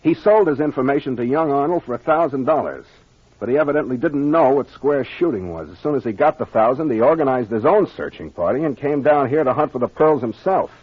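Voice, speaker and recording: In a 1940s old-time radio mystery performance, an American actor voices a confident captain briskly walking through the solution to a case. He sounds husky and medium-pitched with lively intonation, speaking with plain-spoken authority and gangster slang, heard through a muffled, lo-fi vintage recording.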